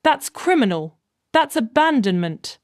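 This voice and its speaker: A woman's voice: a little high, big pitch swings, unhurried, dry recording, clean studio sound. A woman reading the lines of a concerned elderly man who stops to help, in a story narration. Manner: concerned, firm. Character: kind elderly rural man, firm and concerned.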